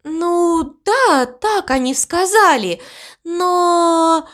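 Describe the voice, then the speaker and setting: A woman voicing a kind, motherly cow in a storybook reading, in a raised, gentle voice. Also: expressive, extremely slow, exaggerated voice. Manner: high, gentle, encouraging.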